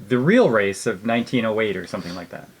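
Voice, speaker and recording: A man's voice: lowish voice, animated, quick pace, husky. A man co-hosting a casual, conversational movie review. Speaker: co-host of a movie review channel.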